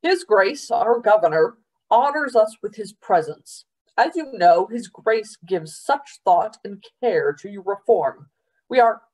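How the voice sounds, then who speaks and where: A woman reads as a jittery middle-aged prison warden addressing an important guest, pitched higher and pushed louder than plain speech. He speaks in stiff, formal phrases and keeps stumbling over his words. It belongs to a storybook read aloud. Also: lively intonation, normal speed, low-quality recording. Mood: nervous formal. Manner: formal, hesitant speech-giving.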